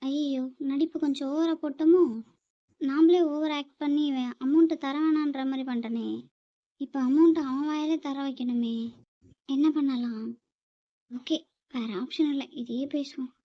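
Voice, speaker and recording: A woman plays a young sister who sobs and begs her older brother for help while secretly angling for his money. Her very high voice barely moves in pitch, so the pleading comes out flat and thin. The recording is dry and muffled. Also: normal speed. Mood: scheming. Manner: tearful, pleading, calls him brother repeatedly. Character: young woman faking tears to get money. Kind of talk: amateur short drama acting.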